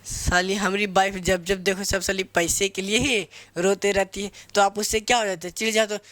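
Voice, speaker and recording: A man's voice: high-pitched, level tone, moderate pace, sharp tone, no echo. A young man teaching English grammar in Hindi, spelling out words letter by letter and asking his own questions before answering them. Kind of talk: Hindi-medium grammar lesson.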